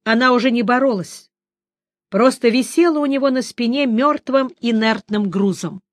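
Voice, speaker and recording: A woman narrating a fantasy audiobook in a measured, dramatic reading. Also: a little high, dry recording. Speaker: audiobook reader.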